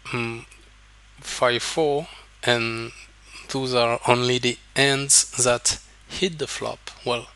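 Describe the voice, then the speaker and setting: Taking each point slowly, a French-accented poker coach whose first language is French narrates hands over a screen recording, thinking aloud in halting fashion with frequent word repetitions. His voice is medium-pitched, steady and smooth, yet bright and forceful at the edge.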